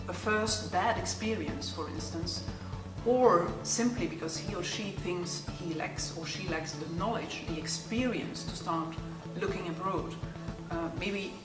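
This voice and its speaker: Belgian woman, low, echoey and distant. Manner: measured, explanatory, with frequent fillers. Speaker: guest lecturer and entrepreneur. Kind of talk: interview answers. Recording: echoey room from far off with music.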